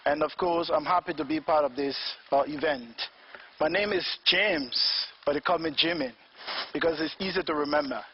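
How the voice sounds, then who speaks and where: A man's voice: fairly high pitch, slightly rough, highs cut off. Earnest Liberian man giving a speech. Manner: earnest, measured, rhetorical questions. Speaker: invited speaker. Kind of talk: formal prepared speech.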